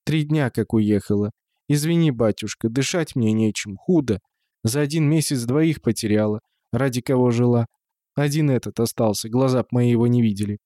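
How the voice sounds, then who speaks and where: A man voicing a frail, bedridden old spinster woman who speaks in a creaky, sighing, folksy way. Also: medium pitch, moderate pace, dark tone, dry recording, studio quality, lightly acted. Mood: grieving.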